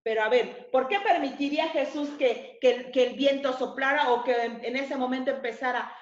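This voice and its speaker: A woman preaching a sermon in a high, bright register. She keeps checking in with her listeners through short rhetorical questions. The sound carries a roomy echo and a slightly muffled, lo-fi quality. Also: moderate pace. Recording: echoey, slightly dull room sound.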